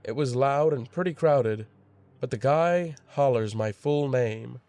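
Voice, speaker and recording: A man's voice: mid-range voice, unhurried, darkish tone, no echo. Young guy reading out a creepy story, casual and wry, dry close sound. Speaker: horror story narrator. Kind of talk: scripted storytelling narration.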